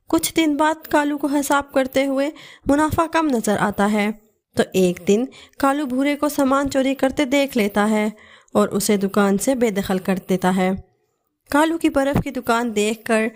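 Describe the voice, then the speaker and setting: A woman narrating a children's cartoon story in a steady, scripted storytelling manner. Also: a little high.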